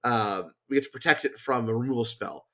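A man's voice: medium pitch, brisk, creaky, bright, forceful tone. Man explaining card game tactics. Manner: thinks aloud with fillers and restarts. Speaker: podcast guest. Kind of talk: casual chat.

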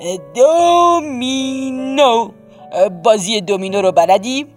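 A woman voicing a frail, lonely old man neighbor who speaks slowly and weakly. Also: fairly high pitch, darkish tone, faint music behind, close to an everyday voice. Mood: gentle. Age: older. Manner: slow, weak, mumbling.

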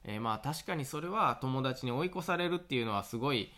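A man's voice: medium pitch, expressive, quick pace, bright, forceful tone. A man in his thirties with a Kansai Japanese accent talks alone on his own radio show. His voice swings up and down a lot as he rambles through a story, stopping often for fillers. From Awaji Island, Japan. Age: 30s. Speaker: podcast host and farmer. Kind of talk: casual solo radio talk.

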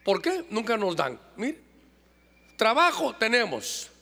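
A man's voice: sits high, wildly swooping pitch, slow pace, vocal fry, sharp tone. A middle-aged man preaching a sermon as pastor, calling out to the congregation and drawing them into call-and-response. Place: church. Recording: long church-hall reverb.

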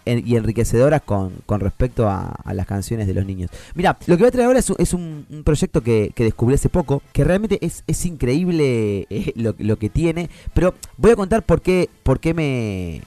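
A man's voice: medium pitch, very animated, moderate pace, hardly any pauses, mellow, dry recording. A man hosting a casual radio chat about children's music, speaking Rioplatense Spanish, enthusiastic and full of fillers and restarts. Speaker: radio host.

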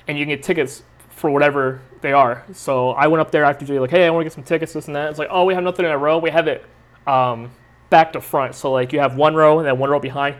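A young man hosting his own podcast, telling a rambling, profane, self-mocking story in casual chat. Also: medium pitch. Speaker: podcast host. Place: San Diego area.

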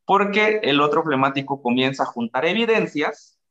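A Mexican man talks casually and animatedly. His bright, forceful voice jumps high when he acts out what people say. The sound is dull and lo-fi. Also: normal speed. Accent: Mexican Spanish. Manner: animated, acts out quoted speech with big pitch jumps. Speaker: guest speaker. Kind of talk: casual explanatory talk.

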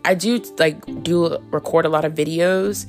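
Frank, gravelly-voiced woman podcaster. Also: low-pitched, fairly even intonation, moderate pace, faint music behind. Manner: candid, frank and chatty with many fillers. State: hiccuping and coughing. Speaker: podcast host. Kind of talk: casual solo podcast monologue.

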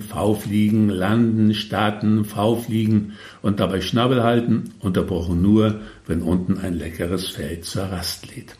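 A man's voice: fairly low pitch, a little mellow, roomy sound. A man reading his own humorous story with wry, tongue-in-cheek asides.

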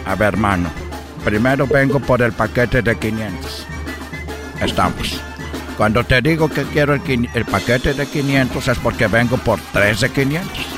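A man's voice: mid-range voice, normal speed, music in the background, natural voice. A man voicing a stubborn male customer who insists on his deal in an argumentative tone.

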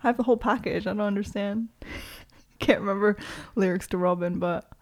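A woman's voice: medium pitch, moderate pace. A young woman, a DJ raised in Toronto, chatting casually in an interview, filling her talk with "like" and laughing easily. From South Korea, raised in Toronto. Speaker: DJ and promoter, guest.

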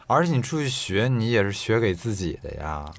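A man's voice: on the low side, big pitch swings, brisk. A man listening in casual chat, answering the storyteller with short sympathetic interjections and remarks. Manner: brief back-channel reactions, sympathetic interjections. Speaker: co-host listener.

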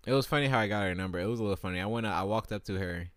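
Deep-voiced young man ranting. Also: rapid-fire, no room sound, studio quality. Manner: crude, rambling, exasperated, many fillers. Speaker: vlogger. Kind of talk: profane comedic rant to camera.

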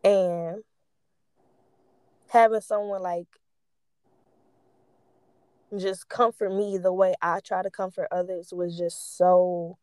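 A woman's voice: lowish voice, little pitch movement, slow, darkish tone, smooth, dry recording. A young woman telling personal stories casually, stoned and rambling, losing her thread, with candid slang and free swearing.

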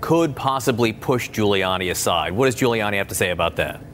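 A man's voice: lowish voice, expressive, brisk, fairly bright tone, a little hiss or hum. A man anchoring a cable news program, interviewing a reporter and delivering pointed, indignant commentary in a studio.

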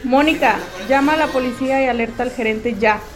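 A woman's voice: high voice, a little fast, close to an everyday voice. A woman playing a female shift supervisor who jokes with her staff and gives urgent orders. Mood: alarmed. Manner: teasing, then urgent commands. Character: female shift supervisor, joking but protective.

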